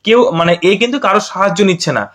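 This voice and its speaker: A man's voice: high voice, very fast, a bit bright. A man teaching a mock primary class, asking the students questions and having them repeat sounds aloud. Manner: asks the class questions and drills pronunciation. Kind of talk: mock classroom demo lesson.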